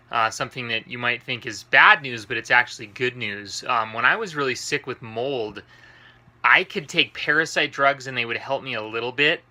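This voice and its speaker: Male vlogger, worn out and under the weather, strikingly sharp bright voice, mid-range pitch, informal chat from inside a compact RV. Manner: informal, rambling, earnest. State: tired and unwell. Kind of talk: casual talk to camera, personal health update. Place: inside a parked RV, small enclosed trailer space.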